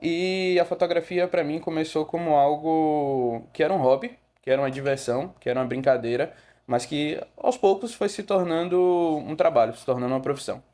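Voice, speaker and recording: A young photographer from Rio de Janeiro, speaking Brazilian Portuguese with a Bahian accent, tells his story as a podcast guest in a relaxed chat full of fillers and self-corrections. His voice is a little high and a little fast.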